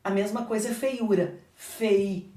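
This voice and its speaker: A woman with a Brazilian Portuguese accent leads a grammar lesson at a middle pitch. She quizzes the class and answers her own questions. Her voice carries from some way off the mic, with a noticeable room echo. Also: lively intonation, measured pace, darkish tone. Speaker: teacher. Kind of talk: exam correction lesson. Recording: echoey room, voice from a distance.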